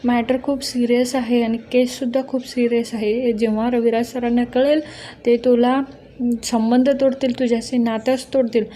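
Woman reading a worried young man friend, warning, mellow voice. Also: a little high, flat delivery, normal speed, close to an everyday voice. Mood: alarmed. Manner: warning, alarmed.

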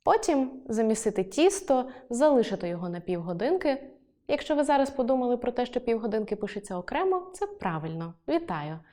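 A woman teaching an online lesson, explaining clearly and listing examples as she goes. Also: on the high side, very animated, a little fast, dark tone. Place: film studio.

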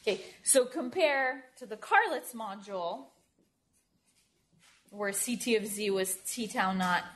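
A woman's voice: mid-range voice, expressive, a little slow, noisy background. A woman giving a university math lecture at a board in a lecture room, speaking informally, often checking in with "right?" and correcting herself as she writes. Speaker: mathematics lecturer.

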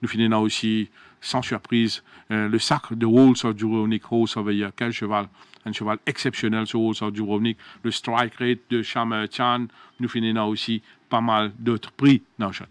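Halting man, dry sound. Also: on the low side, level tone, clean tone, no echo. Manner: halting, searches for words, many restarts. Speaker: horse racing show host. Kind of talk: studio racing talk.

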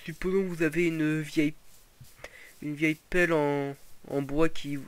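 A man's voice: a little high, steady tone, moderate pace. A young man giving casual gameplay commentary, rambling with lots of fillers and restarts. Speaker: gaming video host.

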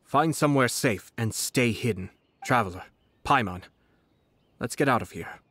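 An actor playing a composed, refined nobleman in a video game, formal, measured and politely firm. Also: medium pitch, expressive, fairly bright tone, slightly rough, no echo. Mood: calm, resolute. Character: composed, refined young nobleman and government commissioner. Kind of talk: scripted video game dialogue.

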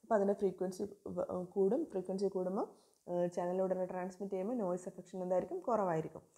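Woman teacher, flat steady voice, keeps asking questions then answering them herself. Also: medium pitch. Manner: reads English definitions slowly. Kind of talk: video lecture.

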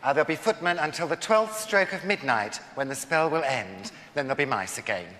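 Camp pantomime fairy, British, dry and fussy, fairly high voice, reverberant theatre. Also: male voice, moderate pace. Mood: breezy, wry. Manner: camp, arch, deadpan asides. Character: camp, drily fussy male good fairy. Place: large theatre stage with audience. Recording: noisy live theatre recording, hall reverb.

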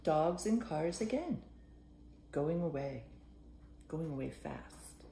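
An older woman, a grandmother, reading a picture book aloud to a child with playful, softly whispered asides. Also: low-pitched, expressive, slow pace, a little hiss or hum. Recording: roomy echo.

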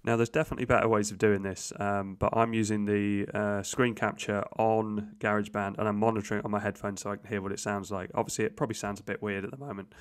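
A man's voice: lowish voice, level tone, fast talker, few pauses, clear, resonant tone. A man hosting a casual gear review at his home desk, rambling with many uhs and restarts, into a USB podcast mic. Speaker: tech video host. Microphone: USB podcast microphone.

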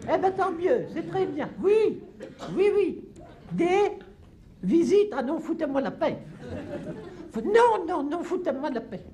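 Man playing a shrill old peasant granny. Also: big pitch swings, takes it slowly, pauses often, crowd noise, full character voice. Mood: grumbling. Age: over 70. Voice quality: shrill, quavering, cackling. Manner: rambling, chatty, scolding. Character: cantankerous old countrywoman, stubborn and gossipy. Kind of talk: live stage comedy sketch. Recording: live stage with audience laughter and noise.

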